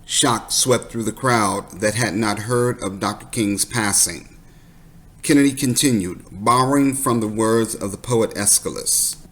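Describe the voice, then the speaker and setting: A man's voice: fairly low pitch, fairly bright tone. A man reading scripted documentary narration.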